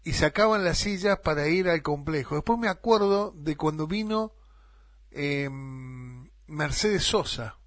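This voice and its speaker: A middle-aged man with an Argentine accent, hosting a radio interview and reminiscing in a halting way with fillers. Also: a little high, animated, dry recording, studio quality. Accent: Argentine Spanish. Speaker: radio host.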